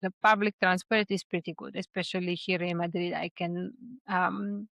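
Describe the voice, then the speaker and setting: A woman's voice: fairly low pitch, level tone, moderate pace, vocal fry, a bit bright, no room sound. A young woman from Serbia giving expat life tips in a casual explainer to camera, with frequent fillers and restarts.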